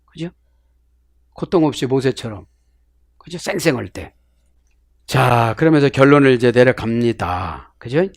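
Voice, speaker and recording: A middle-aged male pastor preaching a sermon with Bible word study. He swings between loud exclamations and hushed asides. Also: medium pitch, lively intonation, a little slow, pauses often, no room sound, clean studio sound.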